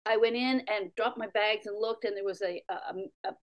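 Wry middle-aged woman comic, medium pitch. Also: fairly even intonation, moderate pace, highs cut off. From Canada. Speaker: comedian guest. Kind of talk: casual anecdote telling.

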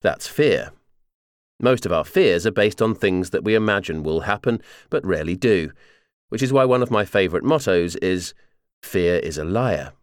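Narrating his audiobook memoir, a low-voiced man keeps his intonation lively and varied while reading in a measured, clearly articulated manner. It's polished scripted narration, recorded dry and close.

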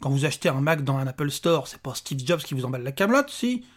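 A man's voice: medium pitch, big pitch swings, fast. A man reading aloud and voicing a tiny, bald, bearded male imp who talks in an irritable, sarcastic rant. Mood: exasperated. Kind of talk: audiobook character voice.

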